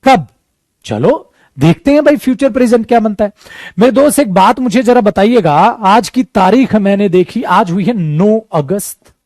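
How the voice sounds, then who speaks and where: A man with an Indian accent teaching a grammar lesson to students in a lively way, teasing and scolding them, sometimes slowing into careful English. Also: sits high, no echo. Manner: switches into slow English.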